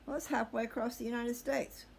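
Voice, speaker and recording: Clearly audible background noise accompanies a middle-aged man with a very high-pitched voice who talks a little fast in a steady tone. As host of his own video channel, he speaks to viewers directly, rambling casually and candidly through personal reflections.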